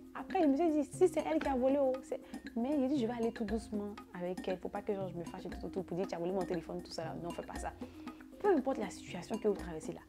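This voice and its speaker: A young woman tells a casual storytime, repeating words and filling gaps with "là" and "genre". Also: medium pitch. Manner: animated, repetitive retelling with fillers like "là" and "genre". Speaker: vlogger. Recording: background music under the voice.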